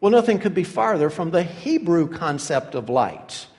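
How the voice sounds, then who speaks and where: A man's voice: fairly high pitch, very animated, moderate pace, a little mellow, long reverb tail. A man preaching a sermon, emphatic and teaching in tone, with some hesitant fillers.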